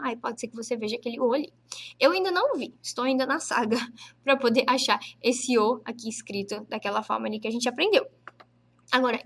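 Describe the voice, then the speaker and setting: A woman gives a relaxed online language lesson. Her voice sits a little high, and she takes her time, repeating each word slowly and patiently for her learners. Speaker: Japanese teacher.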